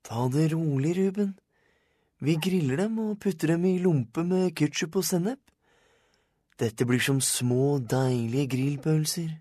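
A man voicing a calm, cheeky boy with big plans, speaking in an easy, reassuring way, in an audiobook. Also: a little high, no echo, clean studio sound, voice pushed up, natural voice. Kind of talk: audiobook character voice.

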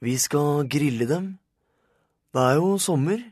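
Kent, a man doing a calm, cheeky boy. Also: on the high side, dry recording, clean studio sound, voice pushed up. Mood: confident. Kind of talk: audiobook character voice.

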